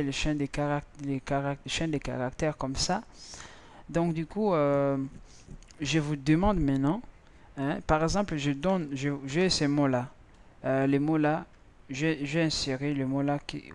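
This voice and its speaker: Slow, halting man teaching code. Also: a little high. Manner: halting, repeats words, thinks aloud while typing. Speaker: programming teacher. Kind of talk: screen-recorded coding tutorial.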